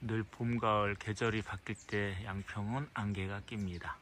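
Bright-voiced man narrating outdoors. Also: fairly low pitch, moderate pace, a little hiss or hum. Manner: calm narration, mock-scolding his dogs. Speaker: dog trainer. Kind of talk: vlog narration and talking to dogs.

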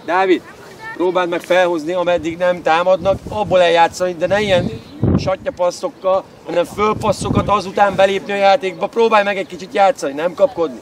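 A man's voice: fairly even intonation, distant mic. A man coaching a youth football team from the sideline, explaining positioning to players by name. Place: outdoor football pitch. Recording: outdoor pitch noise.

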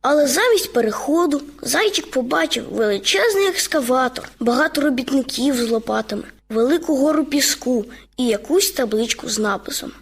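A woman reads a children's story aloud in a radio studio, her voice high and lively. She tells it expressively, leaning into each turn of the tale. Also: a little fast, husky.

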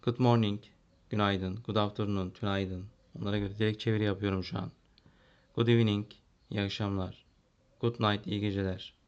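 Speaking at a moderate pace with a flat delivery, this man has a clear, resonant, lowish voice. He is a primary school English teacher from Turkey going over a classroom lesson, translating and filling pauses as he thinks, on a dull lo-fi recording.

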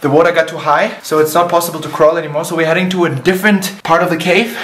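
A young man hosting a casual travel vlog from caves and forest trails, excitable and quick to swear and laugh, filmed on a handheld camera at arm's length. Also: fairly high pitch, a little hiss or hum. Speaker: travel vlogger.

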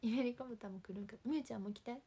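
Young kansai woman streaming from home, calm soft voice, kinda breathy and mellow. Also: on the high side, very fast. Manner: soft, calm, often drops to a near whisper. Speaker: livestream host. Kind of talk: casual livestream chat reading viewer comments.

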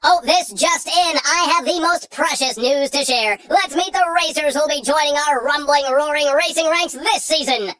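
High, pompous cartoon rooster anchor. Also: male voice, normal speed, few pauses, pushed and bright, no echo. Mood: brisk. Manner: crisp mock-formal announcer delivery. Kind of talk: cartoon sports commentary parody.

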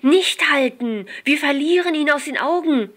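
A woman's voice: medium pitch, normal speed, natural voice. Woman voicing an eager young crime-fan woman. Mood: excited.

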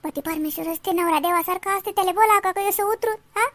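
A woman playing a very high-voiced long-suffering aunt. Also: fast talker, a bit bright, no room sound. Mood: fervent. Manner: pleading, preachy about endurance. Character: middle-aged long-suffering aunt, a patient wife. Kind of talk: comedy skit acting.

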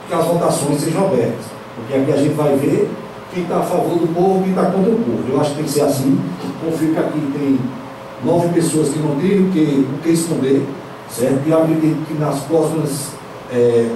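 Man giving a hesitant council speech. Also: fairly high pitch. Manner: hesitant, repeats words, frequent "certo?" and "né?". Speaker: city councilman. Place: council chamber, indoors. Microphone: handheld mic. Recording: echoey chamber from a far camera, noisy.

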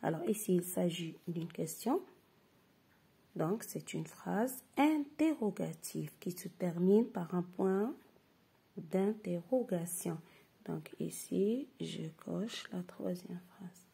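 A woman teacher going through a grammar exercise step by step, reading example sentences slowly and repeating them, then dropping to a breathy half-whisper to explain. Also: lowish voice, animated, dark tone. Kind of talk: slow step-by-step grammar lesson.

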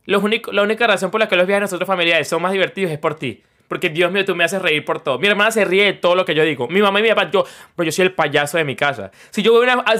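Young man, streamer, casual chat, high voice, rambling, mock self-pity. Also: pushed and bright. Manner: rambling, playfully boastful, mock self-pitying.

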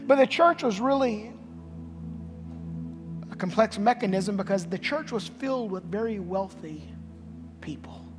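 A man's voice: high-pitched, expressive, a little slow, long pauses. Male pastor, storytelling sermon, fervent refrains, reverberant sanctuary, music bed. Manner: storytelling preacher, building to fervent repeated refrains. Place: empty church sanctuary. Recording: long hall reverb with music behind.

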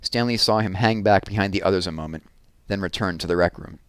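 A man reading a novel aloud in steady, even narration. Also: sits low, fast, clear, resonant tone, no echo. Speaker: reader. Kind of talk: book read-aloud narration.

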